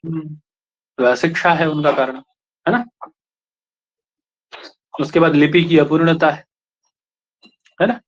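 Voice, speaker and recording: A man's voice: a little high, steady tone, takes it slowly, pauses often. A man from India teaching a class, explaining points and checking in with the students with short questions. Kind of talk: classroom lecture. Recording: lo-fi classroom recording.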